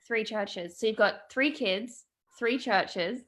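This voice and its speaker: Woman host, slightly high voice, upbeat, live online chat. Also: slow, a bit bright. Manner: upbeat, encouraging. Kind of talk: live show hosting.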